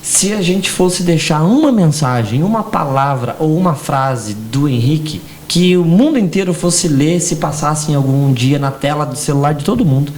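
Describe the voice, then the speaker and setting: A man's voice: fairly high pitch, animated, moderate pace, hardly any pauses, a little mellow. A man from Brazil hosting a podcast interview, full of enthusiasm and short exclamations. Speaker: podcast host. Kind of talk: casual interview.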